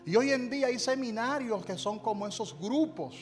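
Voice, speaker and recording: High-voiced male pastor preaching over music. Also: lively intonation, moderate pace. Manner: emphatic preaching with repeated refrains; calls on the congregation to repeat after him. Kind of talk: sermon.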